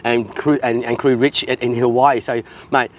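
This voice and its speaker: A man's voice: medium pitch, level tone, moderate pace, slight background noise. Blokey Australian man chatting casually. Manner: blokey, sweary, matey. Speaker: podcast host interviewing a guest. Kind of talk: casual chat.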